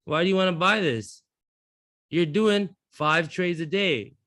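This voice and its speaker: Male instructor, slightly high voice, dry close sound; brash, swearing, rambling teacher running a class. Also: unhurried, a bit bright, no echo. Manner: blunt, profane, rambling restarts. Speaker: trading instructor.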